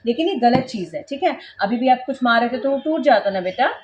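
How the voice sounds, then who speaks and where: Woman, slightly high pitch, faint background hiss, home vlog, emphatic lecturing tone. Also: animated, fairly quick. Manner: emphatic and lecturing, with scolding asides to her child. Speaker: mother and homemaker vlogger. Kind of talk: casual vlog talking to camera. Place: indoors at home.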